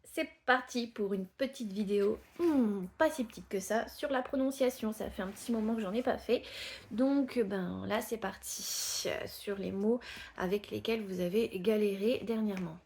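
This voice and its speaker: A woman whose first language is French, teaching English pronunciation. She repeats each word patiently and drops into soft asides when she explains. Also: mid-range voice, moderate pace. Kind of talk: pronunciation lesson.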